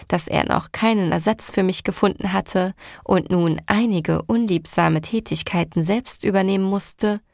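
A woman narrating a first-person audiobook in an even storytelling manner. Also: mid-range voice, gravelly, no room sound, clean studio sound.

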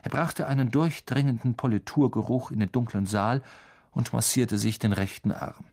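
A man reading an audiobook aloud in a calm, expressive way. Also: medium pitch, moderate pace. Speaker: audiobook reader. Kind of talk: audiobook narration.

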